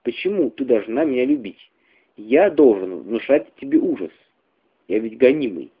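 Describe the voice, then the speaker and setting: A man's voice: medium pitch, lively intonation, moderate pace, husky. A man voicing a troubled, suspicious young man in a radio reading, brooding and moody. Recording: tinny phone-like radio recording.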